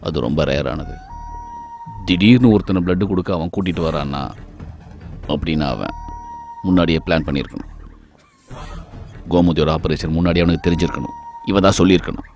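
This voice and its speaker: An actor playing a stern investigator in dubbed film dialogue. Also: male voice, sits low, fairly quick, pauses often, darkish tone. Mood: probing. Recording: music under dialogue.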